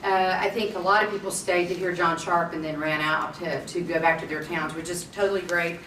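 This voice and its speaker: A woman's voice: on the low side, fairly even intonation, brisk, fairly bright tone. A woman moderating a conference panel, chatty and joking. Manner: chatty, joking, self-deprecating. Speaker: panel moderator, state representative. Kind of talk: public speaking at a panel. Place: conference room. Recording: roomy, distant mic, faint noise.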